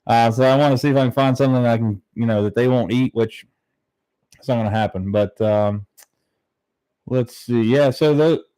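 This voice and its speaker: A man hosts a livestream in a relaxed, rambling, buddy-to-buddy way, tossing in slangy asides. His pitch sits in the middle for a man. He speaks casually from a small home room. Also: normal speed, clean tone, dry recording, low-quality recording. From southern Ohio, United States. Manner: laid-back, rambling, peppered with "man" and "dude". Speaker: fishing livestream host. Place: very small, bare-walled home room used as a studio, slightly echoey.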